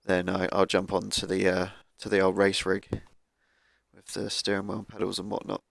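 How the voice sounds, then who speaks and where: A man with a croaky voice from a cold, casually talking through car tuning as he plays a game on a cheap microphone. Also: low voice, monotone, normal speed, a bit bright, no room sound. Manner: thinking aloud, laid-back, with fillers. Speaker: gaming YouTuber. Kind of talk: casual gameplay commentary.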